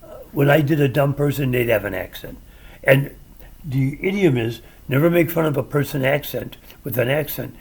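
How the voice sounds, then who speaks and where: Gravelly husky Midwestern man, older. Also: mid-range voice, normal speed. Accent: American Midwestern. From American Midwest. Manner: storytelling, opinionated, wry. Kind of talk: casual chat.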